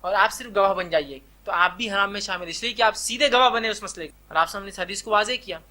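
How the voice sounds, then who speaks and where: A man's voice: high-pitched, pushed and bright. A man giving an Islamic religious lecture, telling anecdotes and emphatically repeating reminders to his listeners.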